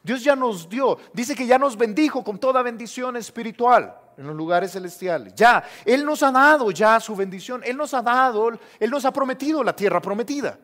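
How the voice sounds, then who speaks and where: High-voiced male pastor preaching. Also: animated, normal speed, few pauses, fairly bright tone. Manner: conversational preaching, addresses listeners as brother. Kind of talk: sermon.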